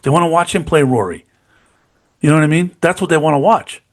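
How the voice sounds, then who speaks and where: A man's voice: a little high, fairly quick. A middle-aged man co-hosting a podcast, chatting casually and enthusiastically about golf, often saying "you know what I mean". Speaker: podcast co-host. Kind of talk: casual sports chat.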